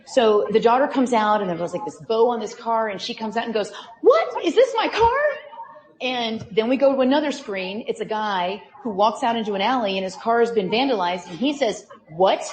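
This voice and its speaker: A woman's voice: medium pitch, a little mellow. A woman giving a conversational conference talk, telling stories with many fillers and asides. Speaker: presenter. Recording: echoey hall.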